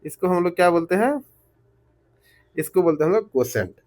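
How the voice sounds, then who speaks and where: Man teaching math slowly. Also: sits high, expressive, darkish tone. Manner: slow and repetitive, asks rhetorical questions; switches between Hindi and English terms. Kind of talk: explaining math problems step by step.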